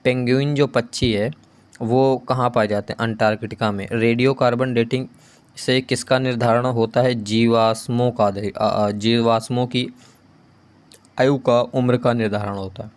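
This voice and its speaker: Male coaching teacher, mid-pitched, runs question-and-answer drills with brisk asides. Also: flat delivery. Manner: reads question then answers, adds quick asides. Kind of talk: quiz-style GK lesson.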